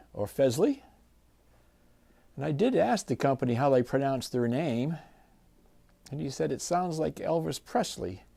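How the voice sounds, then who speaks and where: A man hosting a guitar channel, chatting in a relaxed, folksy way while unboxing a new guitar. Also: medium pitch, vocal fry, no room sound. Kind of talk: casual unboxing vlog.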